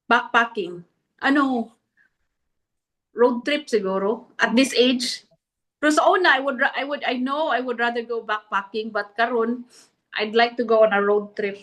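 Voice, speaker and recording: Bright-voiced woman in casual chat. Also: on the high side, measured pace. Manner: thoughtful, switches between English and Cebuano. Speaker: podcast co-host.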